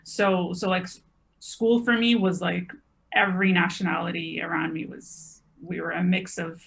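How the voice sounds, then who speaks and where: A woman's voice: on the low side, little pitch movement, normal speed, vocal fry, fairly bright tone. A woman in her twenties, a podcast guest, talking casually and rambling a little with lots of filler words. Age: 20s. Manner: chatty, rambling, many "like" fillers. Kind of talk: casual conversation.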